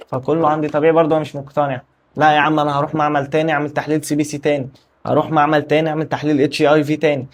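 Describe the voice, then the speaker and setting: A man's voice: on the high side, darkish tone. A man with an Egyptian Arabic accent, telling his own story in a casual confessional vlog. He rambles, repeats himself and breaks off mid-word, sounding tired and anxious. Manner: rambling, repetitive, candid, trails off mid-word. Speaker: vlogger.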